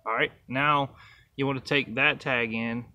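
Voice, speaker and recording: Bright-voiced young man teaching. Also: mid-range voice, fairly even intonation, unhurried. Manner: easygoing, counts out steps aloud. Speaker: fishing channel host. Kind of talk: casual how-to demonstration. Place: outdoors by trees and a truck. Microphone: camera close up, held near face.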